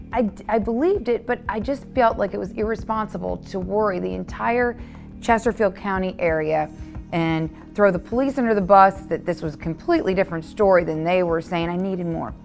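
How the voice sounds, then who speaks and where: A woman news reporter telling her story in a documentary interview, earnest and repeating words when stressing a point. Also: on the low side.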